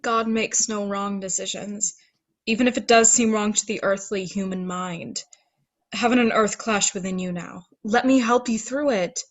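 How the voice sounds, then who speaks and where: A woman's voice: medium pitch, steady tone, moderate pace, natural voice. A woman playing a serene female saint from heaven, a steadfast guide with a solemn, assured manner in a table read of a religious drama. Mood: soothing.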